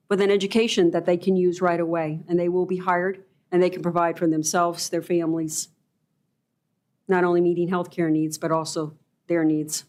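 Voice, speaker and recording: A woman giving a formal prepared presentation to a board as a school representative, in deliberate, measured phrases. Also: lowish voice, darkish tone.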